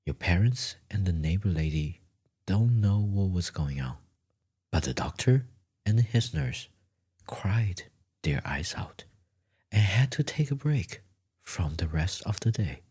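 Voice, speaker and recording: A man with a very low, husky, breathy voice tells a relaxing second-person story ASMR-style, at times sinking nearly to a whisper. His delivery is expressive yet gentle and deliberate, with pauses between short phrases.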